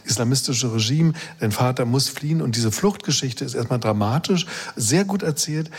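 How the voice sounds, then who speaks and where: Male arts interviewer, conversational, slightly breathy tone. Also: medium pitch, lively intonation, normal speed. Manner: chatty, seeks agreement with tag questions.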